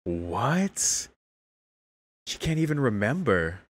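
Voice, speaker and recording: A man's voice: medium pitch, big pitch swings, slow. A young man hosting a casual anime reaction, exclaiming candidly, often laughing and swearing. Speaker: anime reaction channel host.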